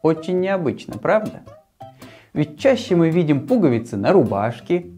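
Man hosting children's show, very lively intonation. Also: a little high, soft background music. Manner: friendly, simple, deliberate address to a child. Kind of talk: presenting to a young child. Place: small furnished room, later a martial arts hall. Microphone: lapel mic.

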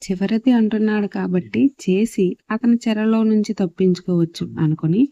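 Woman storyteller with a dark voice. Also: medium pitch, moderate pace, no room sound. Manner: steady, even reading. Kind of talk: scripted narration.

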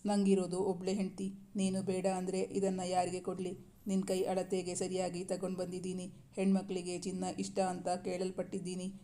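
A woman voicing a young husband who gently coaxes and teases his wife in a storybook reading. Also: fairly low pitch, completely flat delivery, moderate pace, lightly acted. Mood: teasing. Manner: coaxing, gently teasing. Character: young loving husband, teasing and tender.

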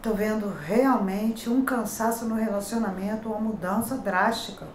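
In an echoey pink-walled room with faint background noise, a middle-aged horoscope host sits at a table of cards and addresses the camera. Her voice is medium-pitched and steady at a normal speed, carrying a Rio de Janeiro Portuguese accent. She's a tarot reader who calls out each sign in turn, chatting through warnings and advice.

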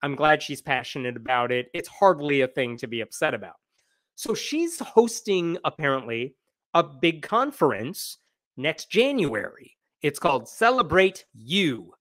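Male host in his forties, casual livestream commentary, sarcastic and animated, dry small room. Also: fairly high pitch, measured pace, no echo. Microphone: wired earbuds with dangling mic and desk mic.

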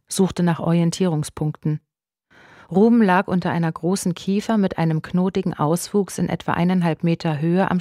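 Low-voiced woman narrating a thriller, hushed. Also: dry recording, studio quality. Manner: hushed, tense first-person storytelling. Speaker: audiobook narrator. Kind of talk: scripted thriller audiobook narration.

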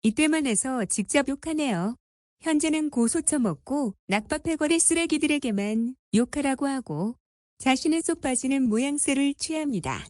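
High-pitched woman in scornful voice-over. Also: lively intonation, normal speed, darkish tone, dry recording, studio quality. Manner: scornful, mocking. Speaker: commentary narrator. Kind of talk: scripted voice-over commentary.

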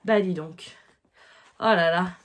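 A woman's voice: lowish voice, slow. A woman in her thirties unboxing gifts in a casual vlog, gushing with delight and thanking people over and over. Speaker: vlogger unboxing gifts from subscribers. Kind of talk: casual chat.

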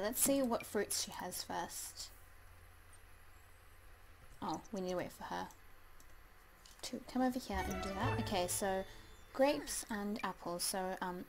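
Woman gamer, slow easy delivery, lots of ums, chats to her sims, faint hum and mouse clicks behind. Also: medium pitch, low-quality recording. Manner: chatty, hesitant with many ums, talks to the game figures. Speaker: let's play gamer. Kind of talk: casual gameplay commentary.

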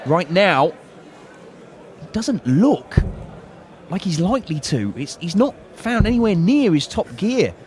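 A man commentating live on a darts match, calling the play with measured analysis. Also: sits high, big pitch swings. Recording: loud arena crowd and noise behind.

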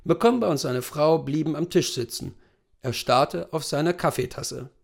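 A man narrating a literary short story as an audiobook reader, expressive and animated. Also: fairly high pitch, moderate pace, creaky.

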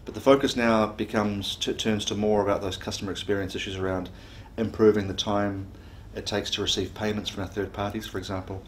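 A man's voice: fairly low pitch, level tone, a little fast, hardly any pauses, slight background noise. A man in his forties giving interview answers as a company chief executive. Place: office, indoors.

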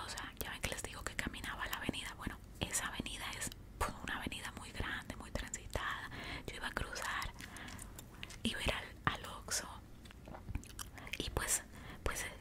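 A young woman with a Mexican accent whispers a casual ASMR storytime while chewing gum, close to a desktop microphone. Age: young adult. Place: small indoor room. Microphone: large desktop microphone up close.

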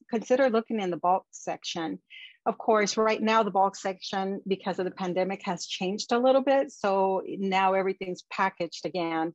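A woman with a medium-pitched voice walks through slides on a video call, sharing practical tips in a chatty way full of ums. Captured on her webcam, the sound is dry, dull, and free of echo.

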